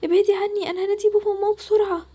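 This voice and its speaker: A panicky, pleading young schoolgirl, put on by a woman with an Egyptian Arabic accent in a toy-game story. Her voice is pushed very high and comes fast and breathless, with a mellow, dark tone underneath. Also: flat delivery. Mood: panicked.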